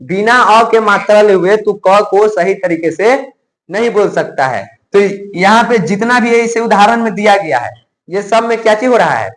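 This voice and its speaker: A male teacher giving a grammar lesson to a class, drilling sounds slowly and often asking the students if they have understood. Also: sits high, lively intonation, a bit bright, rough recording. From India. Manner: asks students frequent check questions.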